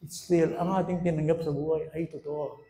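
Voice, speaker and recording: High-voiced Filipino pastor preaching in an echoey room. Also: male voice, flat delivery, normal speed. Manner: preaching in Tagalog mixed with English, shifts from loud questions to hushed lines. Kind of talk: sermon. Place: church.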